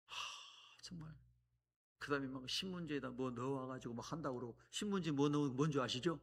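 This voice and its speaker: A middle-aged man preaching a sermon as a guest preacher, telling stories with sudden loud exclamations. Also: mid-range voice, fast, slightly rough. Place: church sanctuary.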